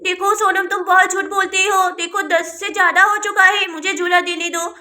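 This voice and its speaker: A woman's voice: very high voice, level tone, normal speed, bright, forceful tone, reverberant. A woman voicing a sulky young girl doll in a doll cartoon, talking in a whiny, complaining way.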